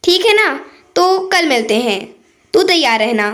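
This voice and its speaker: A woman's voice: extremely high pitch, very animated, measured pace, fairly bright tone, full character voice. A woman voicing a chatty, breezy young female friend on a phone call in a storybook tale.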